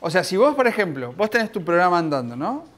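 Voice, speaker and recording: A man with an Argentine accent giving an informal, lively technical talk at a conference, often restarting his sentences. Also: high-pitched, quick pace. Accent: Argentine Spanish. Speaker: conference speaker. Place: conference room.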